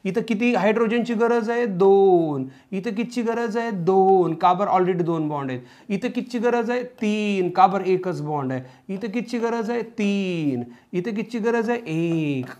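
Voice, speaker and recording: Loud chanting male chemistry teacher. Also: sits high, a little slow, few pauses. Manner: drills students loudly, calls them "child", chants names in sing-song. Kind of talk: chemistry lecture for students.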